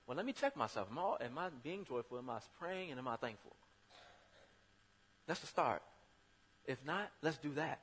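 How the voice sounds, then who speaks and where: A man preaching a sermon in a conversational way, breaking into loud, emphatic bursts. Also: on the high side, big pitch swings, moderate pace, long pauses, husky. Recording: long hall reverb.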